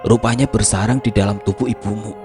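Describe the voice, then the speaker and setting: A man's voice: lowish voice, steady tone, quick pace, over music, lightly acted. A man doing a grim older villager. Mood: grave.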